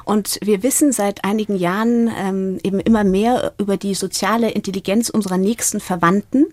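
A woman's voice: medium pitch, fairly even intonation, fairly quick, darkish tone, dry recording. A middle-aged woman, a researcher explaining her work in a podcast interview in a thoughtful way. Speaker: guest, parrot and raven researcher.

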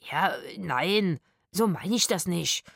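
Woman doing a scaredy crook guy, stuttery and whiny, lowish voice, dry close sound. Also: expressive, slow pace, vocal fry, darkish tone, breathy edge, dry recording, full character voice. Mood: stammering scared. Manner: stammering, jittery. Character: bickering middle-aged male crook, whiny and fearful.

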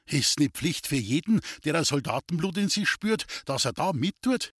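A man's voice: fairly high pitch, very animated, normal speed, fairly bright tone, slightly rough, no echo, clean studio sound, exaggerated voice. A man voicing a proud, stubborn young soldier with a Bavarian accent, speaking eagerly and insistently. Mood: determined.

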